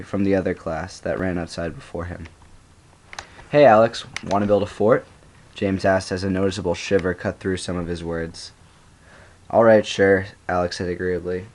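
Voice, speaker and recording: A male student reading his own story aloud, unhurried, with occasional stumbles and restarts. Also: low voice, a little mellow. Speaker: student reader.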